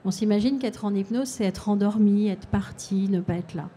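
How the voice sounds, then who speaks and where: A woman hypnotherapist giving a calm, explanatory public talk and answering audience questions at a fair. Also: mid-range voice, moderate pace, a little hiss or hum.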